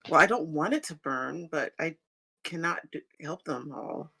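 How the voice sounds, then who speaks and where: A game master voicing a weary, protective woman who pleads in halting, hesitant sentences. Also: medium pitch, creaky, pushed and bright, slightly rough, heavily acted. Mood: pleading.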